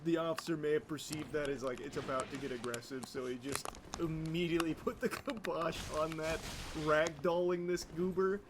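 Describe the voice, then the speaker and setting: A man's voice: fairly high pitch, fairly even intonation, normal speed, few pauses, noisy background. Profane, mocking male commentator. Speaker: commentator reacting to videos. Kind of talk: casual reaction commentary.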